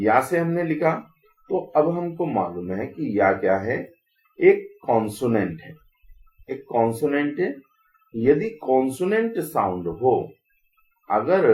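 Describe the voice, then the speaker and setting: A man's voice: medium pitch, darkish tone, roomy sound, poor audio. A man teaching English grammar in Hindi, explaining patiently and asking rhetorical questions. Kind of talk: Hindi classroom-style lesson.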